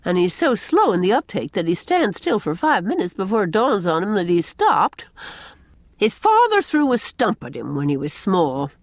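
A woman reading a storybook voices a brisk, middle-aged village spinster bursting with gossip and opinions. Her mid-range voice is raised above her natural pitch, and her folksy, emphatic, tart delivery swings through very lively rises and falls. The recording is dry, with no room sound.

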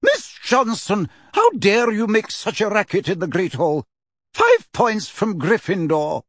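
A man voicing a stern, strict older female professor in a storybook reading, speaking in a clipped, sharp way. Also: high voice, sing-song, measured pace, dry recording, studio quality, voice pushed up, full character voice.

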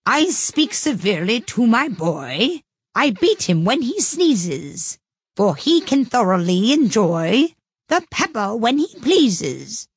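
A bossy old storybook Duchess growls every word, slow and scornful, as a woman puts her on. Her voice is husky and rough at the edges, swinging widely in pitch, and the recording is dry and close. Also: big pitch swings, no room sound. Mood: harsh sing-song. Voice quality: hoarse growl.

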